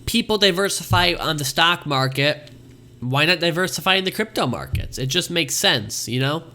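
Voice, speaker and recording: This young streamer sounds a little high-pitched, bright, and forceful, speaking expressively at a moderate pace. He wanders through casual talk, thanking viewers often while his voice gradually wears down.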